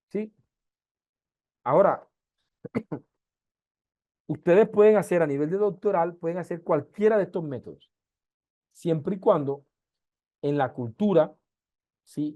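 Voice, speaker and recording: Colombian lecturer teaching an online class. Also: male voice, fairly high pitch, mellow, no echo, lo-fi sound. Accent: Colombian Caribbean coast, softened. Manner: explanatory, asks "¿sí?" often, with slow emphatic stretches. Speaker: university lecturer. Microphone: video call.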